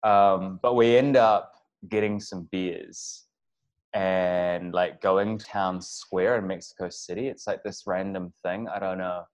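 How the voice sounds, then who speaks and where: A man's voice: deep voice, steady tone, takes it slowly. A man telling a travel story casually, rambling with lots of fillers and restarts. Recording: dull lo-fi audio.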